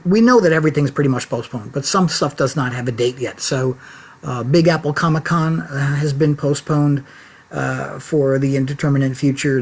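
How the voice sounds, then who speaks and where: A man hosting a casual livestream check-in from his laptop at home, rambling and chatty with lots of fillers and restarts. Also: mid-range voice. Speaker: website founder and host of a live check-in. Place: home office. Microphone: laptop mic.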